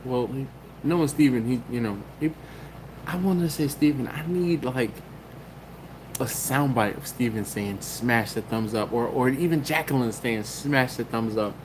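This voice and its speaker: There's a noisy background as a mid-range-voiced man from Maryland, US, livestreams casually at a measured pace. He reads viewers' chat aloud, rambles, laughs frequently, and breaks off mid-thought to start over.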